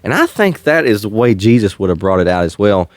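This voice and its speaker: This faith-based casual chat comes from a podcast host, a man who sounds earnest, a bit preachy, and quick to chuckle. His fairly low voice has a sing-song lilt and moves a little fast, with no room sound at all.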